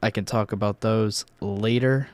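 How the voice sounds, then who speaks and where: Young man, American accent, lowish pitch, hungover, casual rambling storyteller, sweary vlog talk, dry room-free sound. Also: steady tone, unhurried, dry recording. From Virginia, United States. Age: young adult. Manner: rambling, profanity-laden, informal. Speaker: YouTube host telling life stories.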